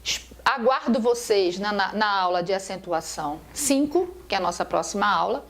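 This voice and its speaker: With lively intonation, a fairly bright tone and normal speed, this mid-range female voice belongs to a Portuguese teacher. Her recorded grammar lesson runs over slides, explained step by step as she asks and answers her own questions.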